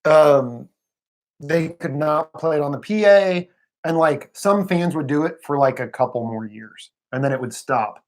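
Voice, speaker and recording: A man's voice: fairly high pitch, measured pace. Musing, hedging man co-hosting a sports stream. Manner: musing, hedging, says "I don't know" often. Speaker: live stream co-host. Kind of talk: casual sports chat on a live stream.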